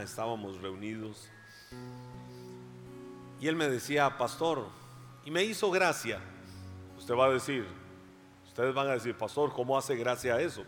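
A man with a Costa Rican accent, a pastor preaching a slow, emphatic sermon that swells loud and high. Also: big-room sound. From Costa Rica. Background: soft instrumental music.

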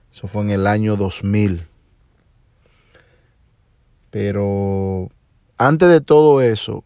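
A man's voice: on the low side, creaky, darkish tone, no echo, studio quality. A man in his forties with a Dominican Spanish accent, hosting his own podcast in a reflective monologue full of hesitations. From Dominican Republic. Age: 40s. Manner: slow, reflective, many hesitations. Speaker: podcast host. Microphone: phone or home microphone.

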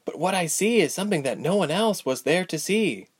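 Male narrator voicing a young woman with visions; high, anxious, animated. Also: a little fast, breathy edge, no room sound. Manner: anxious, pleading, rising to anger. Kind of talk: audiobook character voice.

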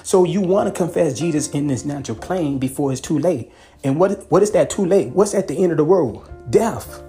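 A man's voice: a little high, lively intonation, fairly quick, dark tone, faint music behind. Pleading man preaching a podcast sermon. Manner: repetitive, pleading, peppered with "okay" and "hallelujah".

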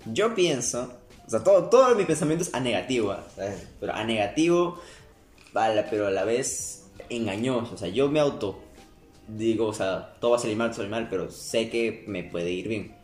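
Fast, lively young man. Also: fairly low pitch. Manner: rambling, restarts sentences often. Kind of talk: casual chat. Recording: roomy sound with faint music.

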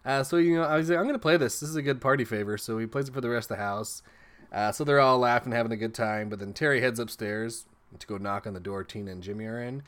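A man's voice: on the low side, fast, a bit bright, clean tone. A man doing a comedic, profane recap of a horror movie, full of sarcastic asides. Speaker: movie review host.

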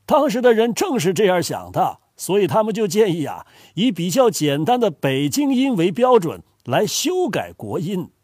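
Older man from Hubei as a grandfather explaining dialects, husky, very animated, dry close sound. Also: high-pitched, moderate pace, hardly any pauses, no echo. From Hubei, China. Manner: animated storytelling, chuckles often. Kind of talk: scripted educational dialogue.

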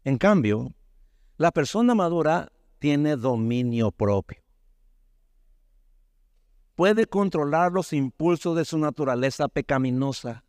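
A male pastor delivers a sermon in a somewhat high voice. He leaps up for emphasis, then sinks into low asides, and keeps asking his listeners "right?" The recording is close and dry, with no room sound. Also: expressive, slow, pauses often, darkish tone, dry recording. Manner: preaching with sudden rises and drops in pitch, many rhetorical tag questions.

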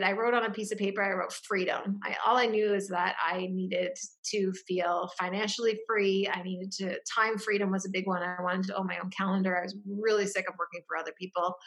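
A woman's voice: medium pitch, a bit bright. A woman interview guest telling her life story in a reflective way, with frequent fillers and restarts. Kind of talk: casual personal storytelling.

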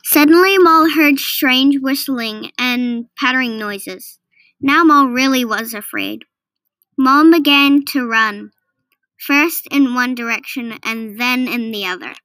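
Slow storybook-reading woman. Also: high voice, fairly bright tone, no room sound. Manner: slow, careful read-aloud. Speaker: narrator.

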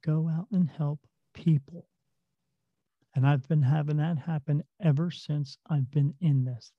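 A man's voice: fairly high pitch, fairly even intonation, measured pace, breathy edge, dry recording. A man working as a psychic medium, telling stories in a casual interview, rambling and restarting his words. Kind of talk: casual interview talk, storytelling. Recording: dull lo-fi dry recording.

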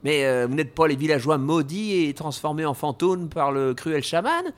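A man voicing a boastful, jumpy paladin hero with an excitable, exclamatory manner. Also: fairly high pitch, moderate pace, voice pushed up, natural voice. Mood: surprised.

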